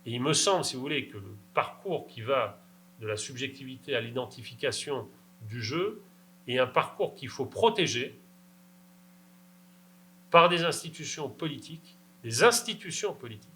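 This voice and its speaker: A man's voice: medium pitch, lively intonation, normal speed, a bit bright, slight background noise, rough recording. A man answering questions after a lecture, emphatic and insistent, checking in with his audience. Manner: emphatic, insistent, rhetorical "d'accord?". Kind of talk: academic Q&A answer.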